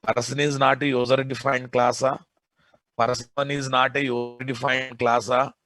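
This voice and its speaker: With a Telugu Indian accent, a programming lecturer gives an informal technical lesson, insistently putting questions to his students. He speaks at normal speed in a mid-range, fairly bright voice with a level tone.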